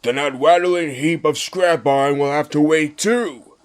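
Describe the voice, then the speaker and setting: A man's voice: on the high side, measured pace, lightly acted. A man voicing a nasty, arrogant steamroller with a sneering, pompous manner, music playing behind him. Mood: smug. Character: nasty, arrogant male steamroller who hates railways.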